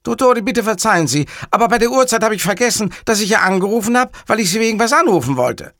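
A man's voice: high-pitched, animated, quick pace, fairly bright tone, no room sound, studio quality, voice pushed up. A man voicing a bumbling, overeager male police switchboard officer who rambles in muddled sentences. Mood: flustered eager.

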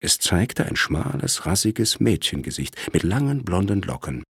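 A male narrator reading a crime story with dramatic, measured delivery. His voice is very low and husky. The recording is dry and close, with no room sound. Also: very animated, fairly bright tone, dry recording.

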